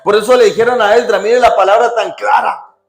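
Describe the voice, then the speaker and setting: Pastor preaching in an echoey church. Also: male voice, sits high, fairly even intonation, fairly quick, gravelly. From Colombia. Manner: call-and-response questions to the congregation; swings from loud emphatic lines to quiet drops. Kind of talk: sermon. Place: church hall. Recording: echoey church with music behind.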